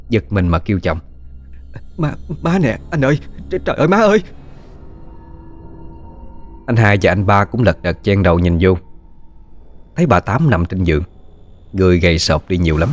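A man narrating a ghost story in a steady, measured storytelling manner. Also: sits low.

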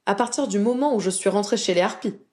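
A woman's voice: mid-range voice, fast, a little mellow, close to an everyday voice. A woman voicing a proud, anxious young witch who talks in an earnest, pleading way.

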